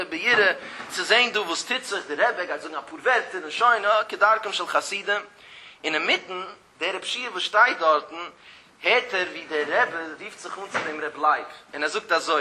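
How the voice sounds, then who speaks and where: A man with a high, piercing voice gives a Talmud lesson. He moves between a lilting study chant with climbing stresses and relaxed, chatty asides. A faint hiss sits under his voice. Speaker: Talmud teacher.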